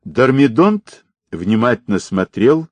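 A man narrating an audiobook in an expressive reading voice. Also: mid-range voice, slow, no echo.

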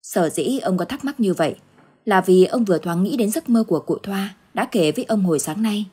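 Husky woman narrating a ghost story. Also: mid-range voice, expressive, a little fast, dark tone.

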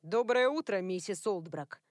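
A woman's voice: medium pitch, lively intonation, measured pace, no echo, studio quality, natural voice. A woman voicing a flustered but gallant male police inspector in an audiobook, speaking hesitantly and earnestly. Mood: dry.

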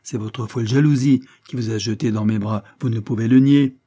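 A man's voice: medium pitch, fairly even intonation, a little fast, close to an everyday voice. A man voicing a callous aristocratic seducer, speaking in a sneering, offhand way. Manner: sneering, offhand delivery, raised and loud.

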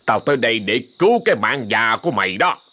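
A man's voice: medium pitch, sing-song, fast talker, sharp tone, a little hiss or hum. A man voicing a stern male exorcist who scolds brusquely. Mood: scolding.

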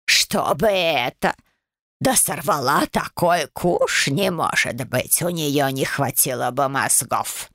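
A woman doing a cranky old lady ghost, raspy and sneering, drags every word out slow in a storybook reading, dry close sound. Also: low voice, a bit bright, no echo, full character voice. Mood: scornful. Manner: slow, rasping, scornful delivery. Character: grumpy old woman ghost, scolding and harsh.

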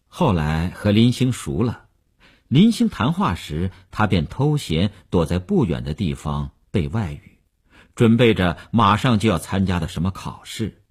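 A male audiobook narrator reading with a steady storytelling manner. His voice is deep and husky, with a very wide, expressive pitch range. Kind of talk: scripted narration.

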